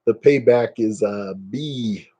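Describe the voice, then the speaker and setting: A man's voice: mid-range voice, slow, dark tone, husky, muffled recording. A man in his fifties hosting a casual live stream, chatting and joking at his own expense. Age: 50s. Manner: joking, self-mocking, chatty.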